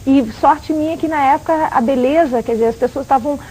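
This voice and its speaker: High, fast-talking Brazilian woman guest. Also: dark tone, slight background noise, rough recording. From southern Brazil, raised in Rio de Janeiro. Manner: chatty, talks in quick runs with fillers. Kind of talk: casual talk-show chat.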